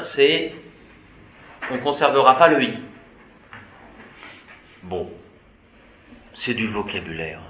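A man's voice: mid-range voice, bright, forceful tone, a little hiss or hum. A man teaching a Latin class, reciting declensions methodically and adding short asides. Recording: dull, roomy classroom recording.

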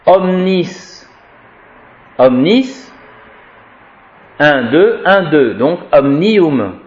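A man teaches Latin grammar at an unhurried pace. He talks in a wry, chatty way and recites declension forms aloud as drills. The recording sounds dull and lo-fi. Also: mid-range voice, lively intonation. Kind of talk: informal Latin grammar lesson.

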